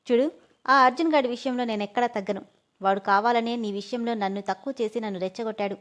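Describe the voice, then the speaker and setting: A man's voice: very high-pitched, quick pace, a bit bright. A woman voicing a stubborn young male boss who speaks firmly and insistently. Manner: firm, insistent. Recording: dull lo-fi audio.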